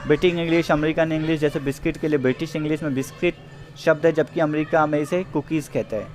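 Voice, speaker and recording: A man teaching a grammar lesson in Hindi, who reads example sentences slowly, then explains them and answers his own questions. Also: on the high side, fairly even intonation, darkish tone, faint music behind.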